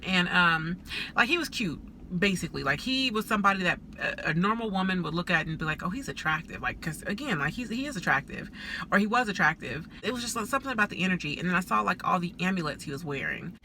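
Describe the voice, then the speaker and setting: A woman's voice: on the low side, animated, quick pace, pushed and bright, slight background noise. A woman, a psychic, telling a story in a casual storytime vlog while she eats. She is chatty and fills nearly every phrase with "like.". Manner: chatty, heavy use of "like" fillers; eating while talking.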